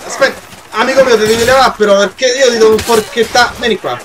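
A man with a Roman accent hosting live gameplay commentary, excitable, swearing and yelling at enemies. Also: very high-pitched, quick pace, noisy background. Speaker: gaming channel host.

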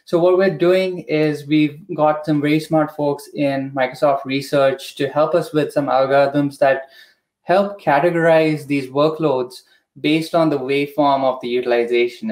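A man explaining a technical process on a video call, measured and methodical, with frequent pauses and "uh" fillers. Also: on the high side, a little mellow. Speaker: product expert guest. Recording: echoey room.

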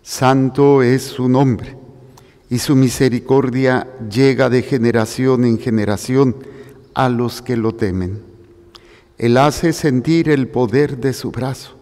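A man serving as priest at Mass, reading the Gospel and preaching in a slow, solemn, measured way. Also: mid-range voice, darkish tone. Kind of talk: liturgical Gospel reading and homily. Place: church during Mass. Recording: long church reverb.

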